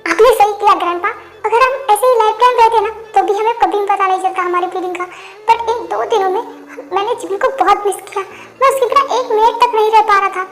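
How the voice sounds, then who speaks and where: Very high-voiced woman narrating a fan story. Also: fast talker, faint music behind. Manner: emotional, pleading delivery. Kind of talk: dubbed fan story reading, all roles.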